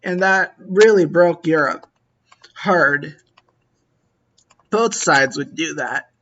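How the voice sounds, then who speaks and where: A man talks slowly through a strategy game, musing aloud and talking to his units. His voice sits a little high for a man. The lo-fi mic sounds dull, and mouse clicks tick in the background. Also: a bit bright. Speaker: gameplay commentator. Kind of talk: casual strategy game commentary.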